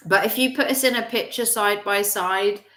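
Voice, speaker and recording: A woman's voice: mid-range voice, moderate pace, fairly bright tone, reverberant. A woman in her forties, chatting casually on a livestream and reading viewer comments, rambling with frequent restarts. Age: 40s. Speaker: livestream host.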